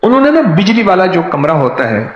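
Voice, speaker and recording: A man's voice: high voice, big pitch swings, slight background noise. A man preaching a sermon through anecdotes, who acts out the other people in his stories. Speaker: spiritual preacher. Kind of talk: storytelling sermon. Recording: echoey hall, dull lo-fi sound.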